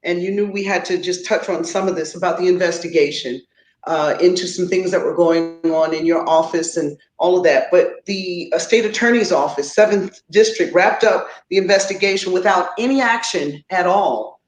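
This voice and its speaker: A woman's voice: fairly low pitch, moderate pace, roomy sound. A woman hosting an interview, asking chatty, encouraging questions. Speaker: talk show host.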